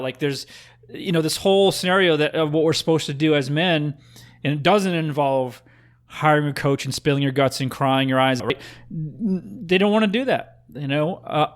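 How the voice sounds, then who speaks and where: A man hosting a podcast, talking in a rambling, heartfelt way with many fillers. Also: a little high. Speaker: podcast host. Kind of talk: casual podcast interview.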